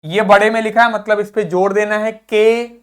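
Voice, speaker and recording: A male teacher giving a classroom lesson on English pronunciation, patiently repeating words slowly and stressing each syllable. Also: sits high, flat delivery. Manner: patient, checks understanding often.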